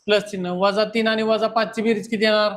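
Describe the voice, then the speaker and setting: A man's voice: sits high, level tone, fairly quick, fairly bright tone. A man, teaching a class and lecturing students bluntly. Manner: scolding, blunt, talks straight at students. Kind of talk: classroom lecture and pep talk.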